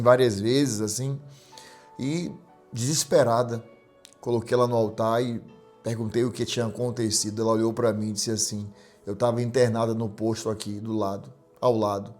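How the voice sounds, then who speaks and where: A man's voice: medium pitch, darkish tone. A middle-aged man preaching as a pastor, telling a story with emphatic repetition. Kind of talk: sermon with storytelling.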